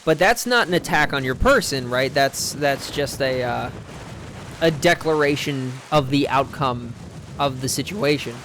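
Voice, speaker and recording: A man's voice: medium pitch, animated, measured pace, a bit bright, slight background noise. A young man streaming a game, rambling in casual chat and swearing freely. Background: game music.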